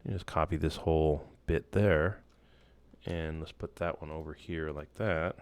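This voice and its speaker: A man walking through a software tool in a casual screen-share tutorial, loose and relaxed, with many fillers and restarts. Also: extremely low pitch, unhurried, clear, resonant tone, no room sound. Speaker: instructor.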